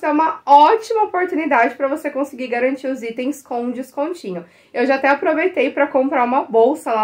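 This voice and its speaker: A young adult woman with a Brazilian Portuguese accent, a teacher chatting excitedly to the camera as she unboxes stationery and breaks into delighted exclamations. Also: sits high. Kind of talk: casual unboxing chat to the camera.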